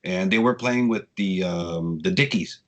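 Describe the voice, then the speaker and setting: A man in his sixties, a guest telling casual, rambling stories with frequent swearing, getting animated when he quotes people. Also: deep voice, a little slow. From United States. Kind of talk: casual storytelling interview.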